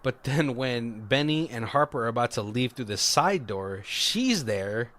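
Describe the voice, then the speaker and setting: A man's voice: medium pitch, lively intonation, measured pace, fairly bright tone. A man co-hosting a podcast, animatedly retelling a film plot and acting out the characters' lines. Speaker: podcast co-host. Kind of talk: casual movie recap chat.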